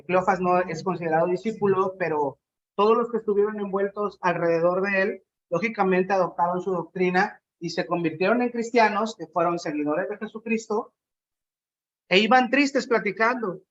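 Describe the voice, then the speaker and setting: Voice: mid-range voice, normal speed, lo-fi sound, slight background noise. A preacher giving a conversational sermon, asking the congregation questions and acting out quotes.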